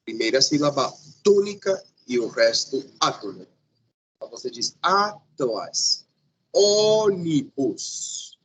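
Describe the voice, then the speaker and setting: A male teacher giving a grammar lesson, patient and repetitive, often pausing to check that the class follows. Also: medium pitch, very animated, breathy edge, poor audio.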